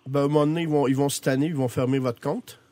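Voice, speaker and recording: A man's voice: medium pitch, steady tone, racing, warm tone, no echo. A man with a Quebec French accent informally explaining technology as an expert guest on a radio show. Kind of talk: informal explanation, answering callers. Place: radio studio.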